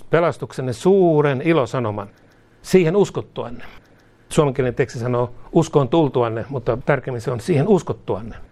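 A man preaching a sermon, mixing casual speech into the preaching and rising louder and higher on emphatic points. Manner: mixes colloquial speech into preaching, chuckles between points; rises in pitch and volume on emphatic lines.

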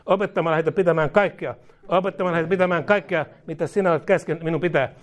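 Male prayer leader, slightly high voice, fervent charismatic style, repeats phrases, speaks in tongues. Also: steady tone. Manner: repeats each phrase, commanding declarations.

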